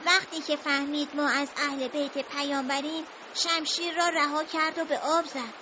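A man's voice: very high-pitched, level tone, noisy background, voice pushed up. A man voicing a frightened young boy who begs tearfully for mercy, in a dull lo-fi recording. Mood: pleading. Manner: tearful, begging.

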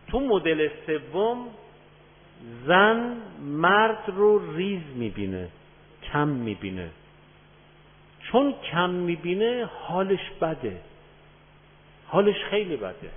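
A man lecturing as a marriage counselor, animated and anecdotal, with a voice pitched a little high that rises and falls a lot. His talk rings with long reverb. The audio is narrow and tinny like a phone line. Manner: animated, uses rhetorical questions and anecdotes. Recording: echoey hall over tinny phone-like audio.

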